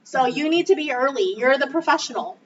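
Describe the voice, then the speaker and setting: A woman real estate trainer gives an upbeat, casual coaching talk to a group in a meeting room, her voice sitting high and moving a little fast. The recording comes through a distant, dull mic with faint noise.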